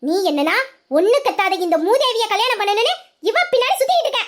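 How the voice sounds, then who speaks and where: A performer voicing a nagging, shrill middle-aged village mother, in an audio drama. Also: very animated, fast, fairly bright tone, heavily acted. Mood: angry scolding.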